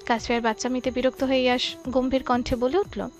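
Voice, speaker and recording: A woman narrating a romantic audio story in a soft, steady storytelling voice. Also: sits high, fast talker. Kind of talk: scripted narration.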